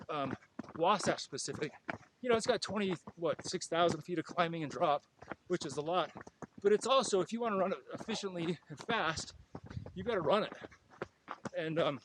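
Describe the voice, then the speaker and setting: A man guesting on a podcast, talking casually with many ums and you-knows. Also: a little high. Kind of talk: casual conversational advice. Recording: noticeable background noise.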